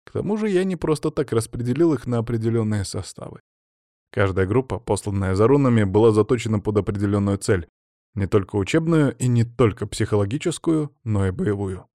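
A man giving a measured scripted narration of an audiobook. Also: on the low side, animated, dark tone, no room sound, studio quality. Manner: measured storytelling.

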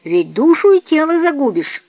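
A woman reading a gentle, caring man. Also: high voice, very animated, normal speed, no room sound, voice pushed up. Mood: earnest. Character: kind, gentle grown man, pleading and caring. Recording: dry, slightly dull recording.

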